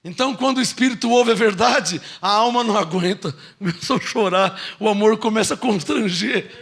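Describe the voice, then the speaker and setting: A Brazilian man preaching a sermon as pastor, swinging from quick asides to slow, drawn-out shouted proclamations. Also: sits high, gravelly, husky. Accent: Brazilian Portuguese. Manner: mimics doubting listeners in a small mocking voice.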